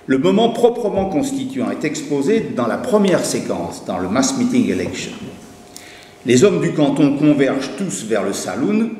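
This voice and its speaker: A man's voice: mid-range voice, big pitch swings, moderate pace, dark tone. A man giving a conference talk, reading a prepared academic paper, then hesitating and restarting when he speaks freely. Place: university lecture hall. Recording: echoey hall recording with faint noise.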